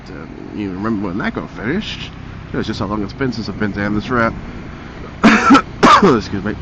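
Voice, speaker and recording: A man's voice: on the low side, animated, fast. Muffled man motovlogging inside a helmet. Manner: rambling, muttering to himself, casual swearing. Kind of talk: casual vlog chat while riding a motorbike. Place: inside a motorcycle helmet, riding outdoors on roads. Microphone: helmet-mounted mic close to the mouth. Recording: muffled helmet mic, faint vehicle noise.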